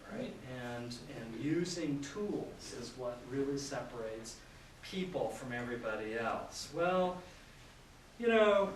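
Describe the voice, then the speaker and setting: A man in his sixties giving an informal public lecture as a professor, chatty and self-deprecating with lots of fillers. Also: mid-range voice. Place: large lecture room with an audience. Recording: echoey hall, mic at a distance, audience noise.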